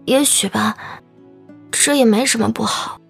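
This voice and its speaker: A woman playing a proud, guarded, earnest young gentlewoman in an audiobook drama. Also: on the high side, measured pace, gravelly. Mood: resigned. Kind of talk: Chinese audiobook drama acting. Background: background music.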